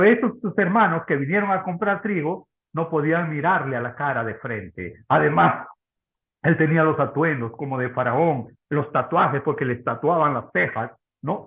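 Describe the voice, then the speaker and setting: A man's voice: a little high, lively intonation, measured pace. A man preaching a conversational sermon, often asking his listeners whether they follow him. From Peru. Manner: conversational, keeps asking the audience. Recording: tinny phone-like audio.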